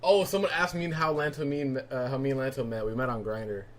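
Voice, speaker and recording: Male host, mid-pitch, laid-back and jokey; casual trading stream. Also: steady tone, fast talker. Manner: joking, laid-back banter. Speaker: livestream host and trader. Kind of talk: casual livestream chat.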